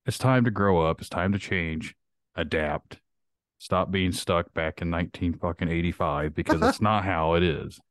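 A man's voice: low-pitched, moderate pace, no echo. A man hosting a podcast, ranting bluntly with heavy swearing in casual chat. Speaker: podcast host.

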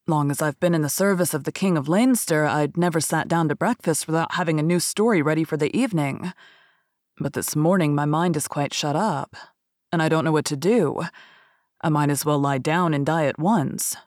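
A woman's voice: low-pitched, moderate pace, darkish tone, no room sound, studio quality. A woman voicing a worried male storyteller in a folk tale. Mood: despairing.

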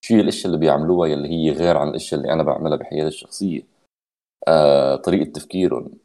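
A low-voiced man with a Lebanese accent and a dark, mellow tone speaks in casual podcast style. He moves freely between Arabic and English as he talks. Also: fairly even intonation, racing. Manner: mixes Arabic and English mid-sentence.

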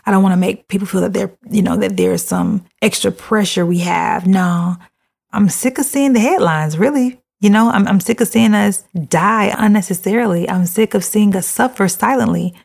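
A woman's voice: medium pitch, moderate pace, vocal fry, a little mellow, breathy edge. A woman speaking earnestly and casually to her listeners, full of "you know" and repeating her main points for emphasis. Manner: emphatic, repeats key phrases for stress. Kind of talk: earnest monologue on mental health.

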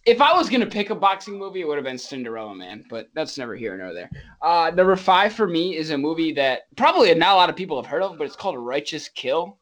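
A man co-hosting a casual podcast, talking in an animated, easygoing way. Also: on the high side, fast, few pauses. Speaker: podcast co-host. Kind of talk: casual chat.

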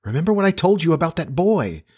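A man voicing a gentle, anxious wife and mother in a storybook, pleading and gently reproving. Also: a little high, sing-song, fast talker, breathy edge, voice pushed up.

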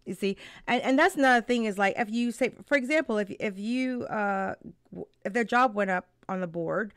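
A woman co-hosting a live-stream talk, chatting casually, animated and laughing often, with many restarts. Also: medium pitch, normal speed, clear, resonant tone, no room sound, clean studio sound.

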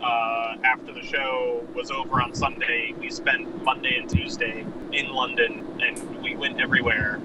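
A man's voice: mid-range voice, level tone, normal speed, hardly any pauses. A man calling into a podcast from inside a car, his voice boxed in as if in a tiny box, chatting in an upbeat way. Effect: boxy sound, as if inside a tiny box. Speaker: guest vendor. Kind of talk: casual podcast chat. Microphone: remote call from a car. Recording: distant, noisy boxed-in car call.

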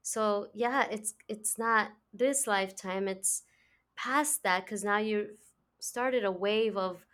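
A woman's voice: mid-range voice, takes it slowly, a bit bright. A woman hosting a podcast interview, effusive and chatty, often restarting her sentences. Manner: effusive, many restarts and laughs. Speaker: podcast host. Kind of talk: casual interview chat.

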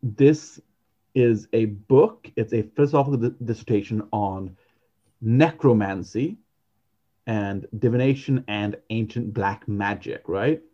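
A man's voice: on the low side, unhurried, warm tone, lo-fi sound. A man co-hosting a podcast, chatting casually and rambling, with many fillers and restarts. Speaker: podcast co-host. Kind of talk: casual chat.

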